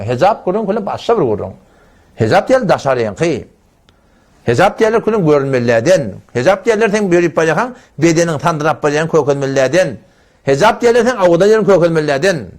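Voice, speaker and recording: A man preaches in a live religious lecture with a high-pitched, strongly swinging voice. He exhorts his audience emphatically and hammers points home by repeating phrases. He works quoted Arabic scripture into his talk. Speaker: Islamic preacher.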